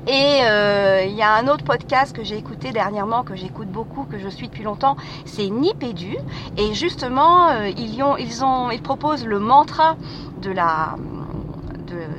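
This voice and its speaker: A woman's voice: fairly high pitch, expressive, normal speed. A woman hosting her own podcast, talking in a hesitant, casual monologue full of fillers and restarts. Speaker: podcast host. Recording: street noise with passing vehicles.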